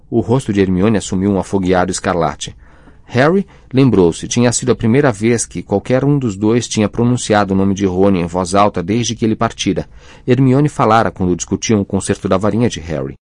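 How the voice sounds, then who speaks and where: A man narrating an audiobook in an even, measured reading. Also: lowish voice, dry recording. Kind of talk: scripted narration.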